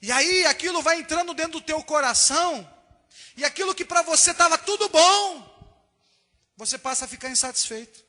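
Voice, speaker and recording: A man preaches with a Brazilian Portuguese accent in a very high, piercingly bright voice. He delivers an animated sermon, slipping into acted-out voices. The recording carries the long echo of a church hall. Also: moderate pace. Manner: animated, acts out quoted voices. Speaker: pastor. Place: church sanctuary.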